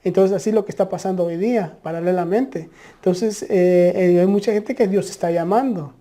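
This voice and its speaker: Dark-voiced woman preaching earnestly. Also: fairly low pitch, moderate pace. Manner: earnest, many restarts and filler "eh". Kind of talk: conversational preaching.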